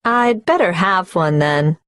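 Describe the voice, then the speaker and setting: A woman playing a tax number applicant in a scripted exam listening dialogue, speaking in a measured, careful way. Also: on the low side, lively intonation, a bit bright, no room sound, studio quality.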